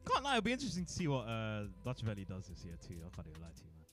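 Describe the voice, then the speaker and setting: A man's voice: fairly low pitch, wildly swooping pitch, very fast, fairly bright tone, soft background music. A man chatting casually as a radio co-host and DJ, often chiming in with agreement. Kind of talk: casual chat.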